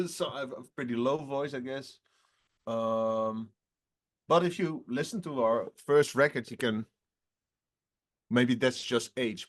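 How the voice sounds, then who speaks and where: A rock band singer in his twenties, appearing as a guest, answers interview questions in a relaxed, halting way with a medium-pitched voice. He often laughs between phrases.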